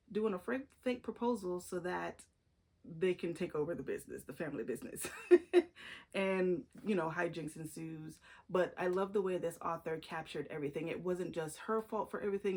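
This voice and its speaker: A woman with a lowish, slightly mellow voice chats casually to the camera about her favorite books in a book review vlog. She gushes, restarts sentences, and uses plenty of fillers.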